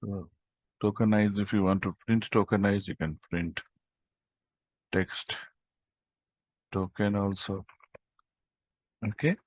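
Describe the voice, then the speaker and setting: A man's voice: on the low side, flat delivery, slow, pauses often, no room sound. A man teaching a live coding tutorial over an online call, explaining step by step with frequent "okay" and "right?". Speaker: instructor.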